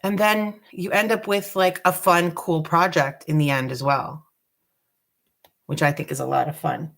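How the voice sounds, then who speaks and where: A woman hosting a live dot painting tutorial, chatty and relaxed, joking about her own nerves. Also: low-pitched, unhurried, gravelly. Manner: chatty, relaxed, self-deprecating. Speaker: craft tutorial host.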